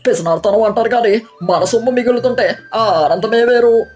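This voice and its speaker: A woman's voice: fairly high pitch, a little fast, soft background music, close to an everyday voice. A woman voicing a miserly, boastful husband who grumbles and schemes. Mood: scheming. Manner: grumbling, then yelling. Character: miserly middle-aged husband, greedy and boastful.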